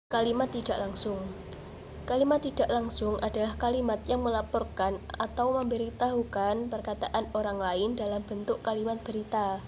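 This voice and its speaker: A young woman student reading out a class presentation in a steady, measured way, with an occasional filler. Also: medium pitch. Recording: faint background noise.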